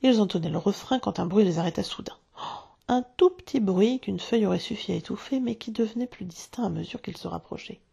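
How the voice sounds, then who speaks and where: A woman narrating a storybook in a hushed, dramatic way, often dropping to a whisper. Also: medium pitch, quick pace, creaky, breathy edge. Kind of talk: storybook reading.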